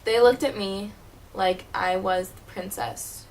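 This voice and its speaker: A woman's voice: medium pitch, fairly even intonation, creaky, slight background noise, poor audio. A woman playing a wounded teenage girl. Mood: hurt, bitter. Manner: bitter, hurt, halting with repeated words. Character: wounded, wry teenage girl, former child stage performer. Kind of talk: dramatic stage monologue.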